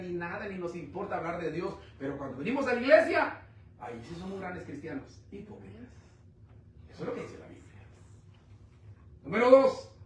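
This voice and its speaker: A man preaching a sermon, asking the congregation rhetorical questions and swinging between loud and quiet. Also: high voice. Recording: echoey room, mic at a distance.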